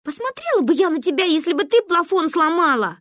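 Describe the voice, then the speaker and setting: A woman's voice: big pitch swings, fairly quick, dry recording, heavily acted. A stubborn, hot-tempered little girl squeals her complaints, as a woman reading a story puts her on. The voice sits far above an adult's and swings up and down. It is close and dry, with no room sound. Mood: indignant. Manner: shrill, indignant shouting. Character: bossy stubborn little girl, quick to anger.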